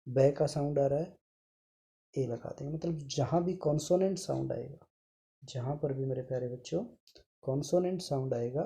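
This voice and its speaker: A male teacher gives an online grammar lesson, sounding each word out slowly and addressing his pupils with affection. His voice is dark and mellow, with a gravelly edge of fry. He is patient and repeats himself often. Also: fairly high pitch.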